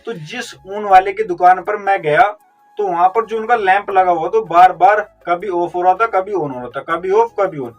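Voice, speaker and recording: A man's voice: sits high, normal speed, highs cut off. A man teaching a vocabulary lesson, explaining step by step with memory tricks and answering his own questions. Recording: distant mic with faint music.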